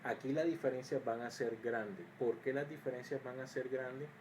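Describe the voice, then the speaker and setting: A man's voice: medium pitch, steady tone, moderate pace, darkish tone, a little hiss or hum, low-quality recording. A man teaching an electrical circuits lesson, explaining step by step with frequent fillers and restarts, sometimes muttering to himself as he checks his work. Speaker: engineering teacher. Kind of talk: screen-recorded lesson.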